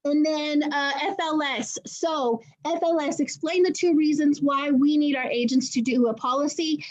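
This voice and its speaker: A woman giving sales training on a group call, instructive and brisk as she lists steps for the team. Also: high-pitched. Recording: dull lo-fi call audio.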